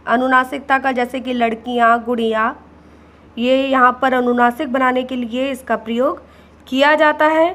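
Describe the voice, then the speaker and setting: A woman's voice: high voice, a bit bright. A woman teacher giving a patient grammar lesson, repeating each word and addressing the children directly. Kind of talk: slow classroom explanation.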